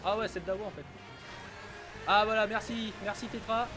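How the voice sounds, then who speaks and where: Chatty high-voiced French streamer man. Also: fairly even intonation, moderate pace, music in the background. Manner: chatty, stumbling, repeats himself, swears casually. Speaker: Twitch streamer playing a kart racing game. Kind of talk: casual live-stream chat with viewers.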